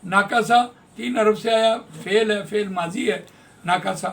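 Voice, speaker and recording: A man teaching Quran translation in a classroom lesson, patiently explaining grammar and repeating words slowly. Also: sits high, creaky, fairly bright tone.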